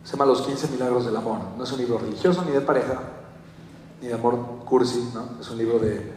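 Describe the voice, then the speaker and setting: A man's voice: mid-range voice, steady tone, fairly quick, a little mellow, a little hiss or hum. A young Mexican man with a Mexican Spanish accent giving a motivational talk, telling a story and acting out quotes with animation. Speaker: motivational speaker. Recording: echoey hall from far off.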